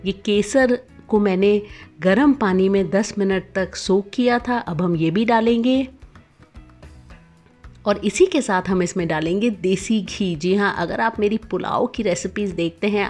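Speaking at a medium pitch, the cooking channel's female host walks through a recipe in voice-over with clear instructions, one step at a time.

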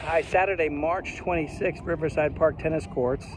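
A man's voice: a little high, steady tone, moderate pace, noisy background. A man vlogging outdoors at public tennis courts, sounding indignant and exasperated as he talks. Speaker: local vlogger. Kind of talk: outdoor complaint vlog.

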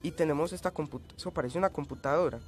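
A man's voice: fairly high pitch, racing, soft background music. A man giving gameplay commentary, coughing and sounding changed by a cold, yelping and screaming at in-game hazards. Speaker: let's play gamer.

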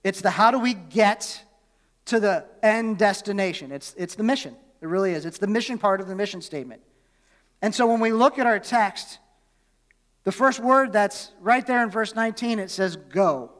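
A man's voice: high-pitched, normal speed, fairly bright tone, big-room sound. A male pastor preaching a sermon in a conversational way, often asking his congregation questions. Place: church.

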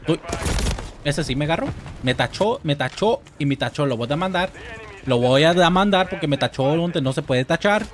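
A young Mexican man giving excitable, jokey gameplay commentary and swearing now and then. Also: on the high side, normal speed. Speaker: gamer. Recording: gunfire from game audio. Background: loud game gunfire.

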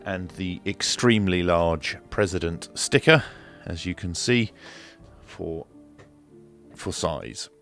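A low-voiced man who is a radio reviewer and demonstrator talks slowly at a desk indoors, walking through a product casually. His tone is a bit bright, with faint music behind him, and his explanation is unhurried, matter-of-fact and hesitantly step-by-step.

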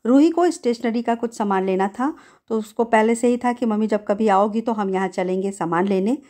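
A woman's voice: on the high side, brisk, dark tone. Chatty middle-aged woman narrating a vlog. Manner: chatty, easygoing storytelling with many "to" linkers. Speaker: family vlogger. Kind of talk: voice-over narration of a family outing.

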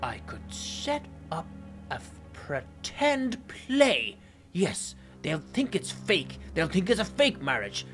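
A man's voice: high voice, wildly swooping pitch, slow pace, a bit bright, faint music behind, full character voice. A man voicing a scheming, greedy villain in a game roleplay, muttering sing-song lines and cackling. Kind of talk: Minecraft roleplay voice acting.

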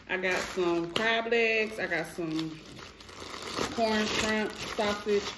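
In an echoey room at home, a young woman hosts a laid-back mukbang vlog, talking to her viewers as "y'all" through her phone. She speaks very slowly at medium pitch over heavy background noise.

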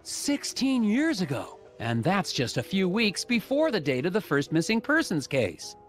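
A man's voice: sits high, huge pitch swings, a little slow, faint music behind, full character voice. A man voicing an earnest, by-the-book puzzle-game detective with a stiff, formal, hesitant delivery. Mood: puzzled. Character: earnest, awkward, by-the-book male FBI puzzle agent. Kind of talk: cartoon game dialogue and noir-like narration.

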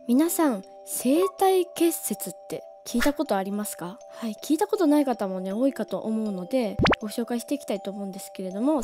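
A woman, slightly hoarse from a cold, explaining things as a voice-training teacher in a friendly, animated way that stretches key words slowly. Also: high voice. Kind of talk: casual explanatory talk.

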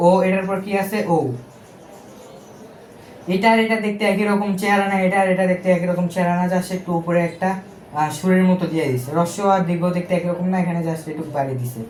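High-voiced Bangladeshi male teacher, echoey room. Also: darkish tone, a little hiss or hum. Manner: explains step by step with rhetorical questions; colloquial, with fillers and self-corrections. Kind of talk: exam-prep lesson.

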